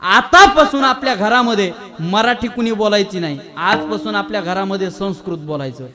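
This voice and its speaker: Kirtan preacher, high voice, playful, quizzes the crowd. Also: male voice, moderate pace. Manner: animated, teasing, quizzes the audience. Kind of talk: humorous kirtan storytelling.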